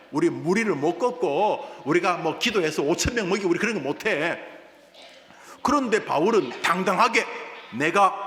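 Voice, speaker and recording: A man who is a senior pastor, preaching a sermon in an animated way, swinging from loud to hushed. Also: a little high. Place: church sanctuary. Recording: echoey church hall with room noise.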